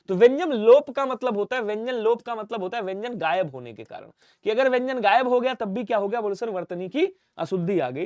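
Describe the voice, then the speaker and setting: A male teacher runs an exam-prep lesson, asking his students question after question and answering for them. His voice sits high, and the recording is dry and close, with no room sound. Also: dry recording. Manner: drills students with call-and-response questions; stresses and repeats spellings. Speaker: Hindi teacher.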